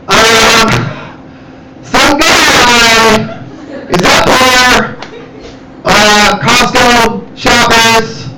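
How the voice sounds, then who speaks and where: Guy doing a flustered lady clerk on the store mic, halting, lots of ums, high voice, roomy and noisy. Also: fairly even intonation, full character voice. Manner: hesitant, halting with fillers. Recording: echoey cafe room, distant mic, loud noise.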